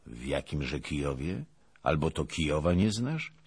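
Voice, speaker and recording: A man voicing a calm, melancholy small knight in an audiobook, in his own low husky voice. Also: measured pace, full character voice. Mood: grave.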